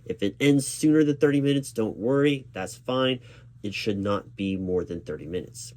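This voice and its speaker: Playing a recruiting manager in a one-sided spoken ASMR roleplay, a man speaks at normal speed in a medium-pitched, darkish voice. His manner is patient and reassuring, with formal corporate wording.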